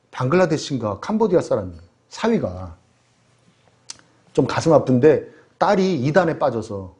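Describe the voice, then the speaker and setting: A man's voice: on the high side, warm tone. A man preaching a sermon as pastor, telling stories animatedly and throwing rhetorical questions to the congregation.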